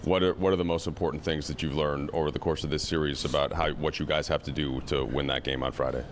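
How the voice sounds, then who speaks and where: A male sports reporter asking press conference questions in a halting way with frequent restarts. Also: extremely low pitch, little pitch movement, slight background noise.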